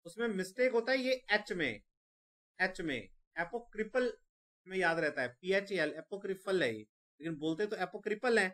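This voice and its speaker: A man runs an exam-prep vocabulary lesson, saying each word slowly several times and then spelling it letter by letter. His high voice is sing-song with a fairly bright tone.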